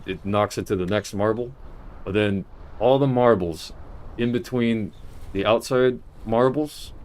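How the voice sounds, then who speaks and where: A man with a fairly low voice talks casually on a live stream. He meanders, trails off and restarts his sentences as he thinks aloud, sometimes turning to address someone off camera. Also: a little mellow, slight background noise. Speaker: livestreamer. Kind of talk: casual rambling livestream monologue.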